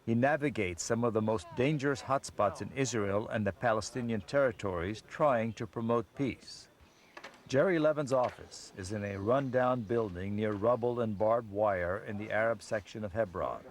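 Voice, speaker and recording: A man reading a scripted documentary narration in a measured, even voice-over. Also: lowish voice.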